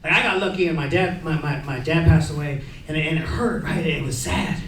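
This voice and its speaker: A young man doing a stand-up comedy set on a club stage, telling stories loudly and shouting out the lines he quotes. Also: fairly high pitch, fairly quick. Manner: loud, excitable storytelling, shouting acted-out quotes. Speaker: stand-up comedian hosting a veterans show. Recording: echoey club, mic heard from a distance, crowd laughter.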